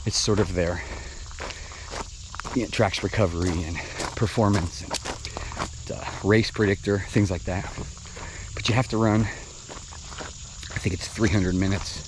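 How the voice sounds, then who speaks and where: A man's voice: low voice, steady tone, slow, long pauses. A man talking casually and out of breath while running outdoors in a park, recorded on an action camera. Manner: chatty, casual, with fillers. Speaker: vlogger. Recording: outdoor camera audio with insect noise.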